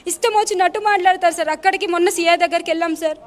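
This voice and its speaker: A woman's voice: extremely high pitch, fairly even intonation, very fast. A young woman giving emotional interview testimony to a reporter, pleading and addressing him respectfully. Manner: pleading, repeatedly addresses the listener as sir.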